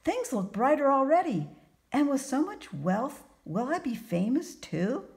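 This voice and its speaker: A woman voicing an eager, hopeful young male carpenter who talks in excited exclamations in a storybook reading. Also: high-pitched, unhurried, gravelly, voice pushed up, full character voice. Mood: delighted.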